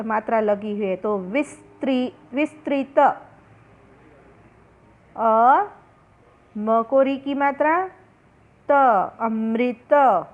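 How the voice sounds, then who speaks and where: Slow-spelling woman teacher, tinny sound. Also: high voice. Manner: slow, drawn-out pronunciation of each word for students. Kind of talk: Hindi phonics lesson. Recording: tinny phone-like recording.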